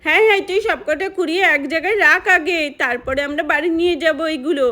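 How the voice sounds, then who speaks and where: A woman's voice: very high-pitched, fast. A woman voicing a bossy older girl in a doll-play story. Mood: excited. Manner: bossy, excited.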